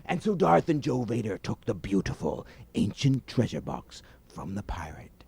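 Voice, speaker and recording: A man's voice: on the low side, sing-song, moderate pace, vocal fry, a little mellow, husky. A man narrating an improvised bedtime story in a playful way, recorded on a home cassette tape. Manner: playful, talks to his own characters.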